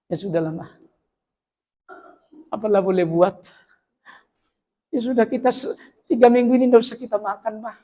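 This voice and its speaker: A long-suffering husband speaks calmly and wearily, voiced by a man. He sounds resigned rather than angry. The words ring out in a long hall reverb. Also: very high-pitched, slow, voice pushed up, exaggerated voice.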